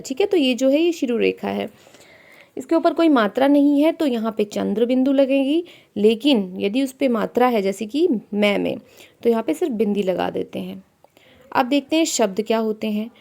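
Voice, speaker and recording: A woman teaches a primary-school grammar lesson, her voice a little high and edged with gravel. She explains each point step by step and keeps asking her pupils questions before she answers them herself. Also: warm tone.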